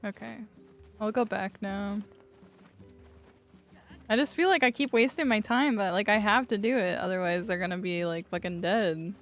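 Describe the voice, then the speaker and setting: A woman's voice: mid-range voice, normal speed, pauses often, faint music behind. Young woman streamer, joking and swearing. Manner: joking, swears casually, reads game text aloud. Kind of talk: casual gameplay commentary.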